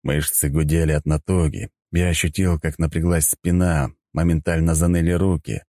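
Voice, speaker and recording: A man reading a first-person audiobook in a steady storytelling manner. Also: rumbling low, moderate pace, no room sound, clean studio sound. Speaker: audiobook narrator.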